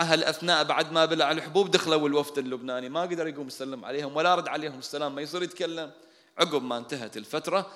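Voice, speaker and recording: Fast, bright-voiced preacher. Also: male voice. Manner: storytelling, dramatic swings in loudness and pitch. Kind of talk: sermon. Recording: long hall reverb.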